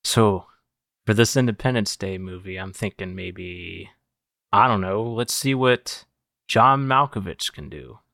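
A man's voice: fairly low pitch, measured pace, creaky, a bit bright, no echo, studio quality. A man co-hosting a comedy podcast, improvising a sketch in a grand, mock-presidential speechifying manner. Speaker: podcast co-host.

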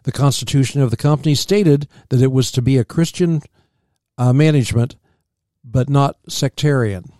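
A man, reading local history aloud as a podcast co-host, steady and plain with small slips. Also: medium pitch, normal speed, dry recording, studio quality.

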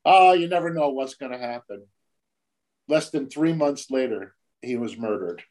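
A man's voice: medium pitch, normal speed, darkish tone, low-quality recording. An older man, a tattoo artist, telling stories in a casual, profane way and acting out the voices of the people in them. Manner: profane, acts out quoted voices. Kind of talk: casual storytelling.

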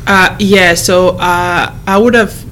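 A woman in her thirties who grew up in East Africa, a guest answering interview questions in a measured, careful way with frequent pauses and restarts. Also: on the low side, steady tone, fairly bright tone, slight background noise. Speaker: guest, human rights advocate.

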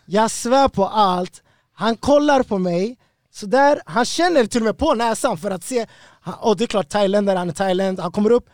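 Brief: high-voiced man, animated and slangy, dry close sound. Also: dry recording. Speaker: guest fighter. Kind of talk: casual storytelling.

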